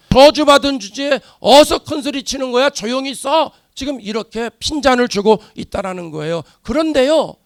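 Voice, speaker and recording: A middle-aged man from Korea preaching a sermon as a pastor, asking the congregation rhetorical questions and swinging from soft explanation to loud exhortation. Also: extremely high pitch, vocal fry, no room sound, studio quality.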